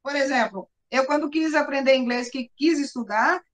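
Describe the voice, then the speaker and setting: A woman's voice: high voice, normal speed. A woman teacher with a Brazilian Portuguese accent, explaining a lesson to her class. She often asks for agreement and speaks to the students directly.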